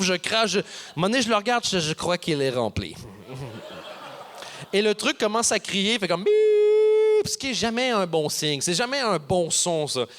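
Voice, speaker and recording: Animated stand-up comedian. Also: male voice, high-pitched. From Canada. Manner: animated, acts out characters with voices. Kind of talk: stand-up storytelling. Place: theater stage before an audience.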